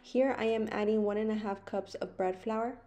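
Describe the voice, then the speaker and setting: A young woman narrates a home baking vlog as a voice-over, walking through each step in a plain, explaining way. Her voice sits at a middle pitch for a woman. A guitar track plays clearly underneath. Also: fairly even intonation, normal speed, mellow. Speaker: vlogger. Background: guitar music.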